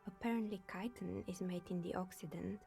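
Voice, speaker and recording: A gravelly, wry old gossip. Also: female voice, on the low side, fairly even intonation, brisk, mellow, faint music behind. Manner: dry, wry storytelling. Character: chatty older woman telling local gossip. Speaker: game character. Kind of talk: voiced video game dialogue.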